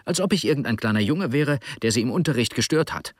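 A man reading the lines of a gruff, remorseful middle-aged man in an audiobook, blunt and pleading. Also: mid-range voice, expressive, fast talker, no echo, clean studio sound, voice pushed up, close to an everyday voice. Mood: indignant.

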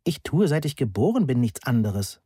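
A man reading a slow, lecturing math teacher. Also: mid-range voice, sing-song, mellow, husky, dry recording, clean studio sound. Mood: patient. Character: calm, pedantic male math teacher. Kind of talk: audiobook character reading.

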